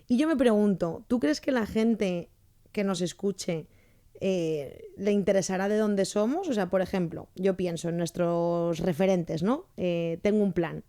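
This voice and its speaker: Chatty woman with a mellow voice. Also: medium pitch, a little slow. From born in Canada, raised in Spain. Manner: chatty, leads the talk with questions. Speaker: podcast co-host. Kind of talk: casual podcast chat. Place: farmhouse among orange trees.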